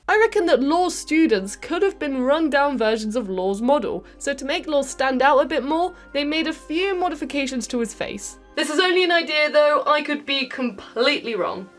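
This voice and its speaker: Hosting a video game review full of playful sarcasm, a British woman speaks to viewers in a high, expressive voice at a moderate pace with few pauses. Background music sits under her speech.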